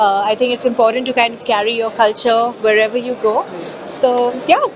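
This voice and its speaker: A woman's voice: a little high, quick pace, rough recording. A woman, a film actress, answering questions casually in a red carpet interview. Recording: lively crowd around the speaker.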